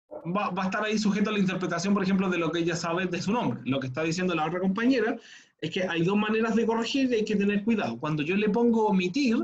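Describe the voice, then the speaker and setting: A man's voice: high voice, dull audio. A man teaching an online class. He explains things patiently step by step and often checks in with "¿ya?".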